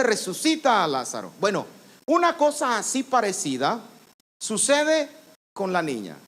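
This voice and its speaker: The man delivering this church sermon sounds very high-pitched and a bit bright. He unpacks scripture like a teacher, repeating phrases for emphasis and commanding with authority.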